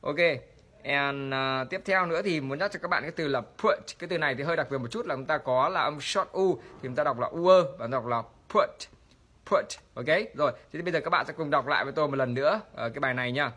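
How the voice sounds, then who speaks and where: Bright-voiced man teaching pronunciation. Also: mid-range voice, slightly rough. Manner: explains quickly, then reads English sentences slowly and drawn out. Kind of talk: online language lesson.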